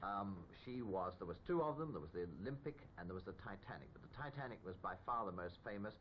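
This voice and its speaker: A man presenting old film footage in an unscripted commentary, explaining things with emphasis and halting pauses. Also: poor audio. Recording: steady background noise with low rumble.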